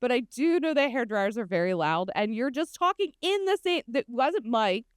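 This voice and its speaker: Middle aged lady chatting on a podcast, highish voice w laryngitis, tells stories doing the dialogue, dry sound. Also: big pitch swings, moderate pace, dry recording. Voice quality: slightly hoarse from laryngitis. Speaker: podcast co-host. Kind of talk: casual chat.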